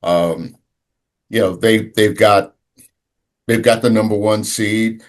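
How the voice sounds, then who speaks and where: A man co-hosting a sports podcast in casual talk, halting and searching for words with many restarts. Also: fairly low pitch, steady tone.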